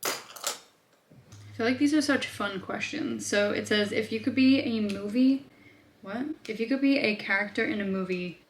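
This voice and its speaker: A chatty young woman from Australia, answering viewer questions in a relaxed vlog at home. Her pitch sits mid-range, she leans on fillers as she thinks aloud, and her voice rings with a roomy echo. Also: a little slow. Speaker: vlogger.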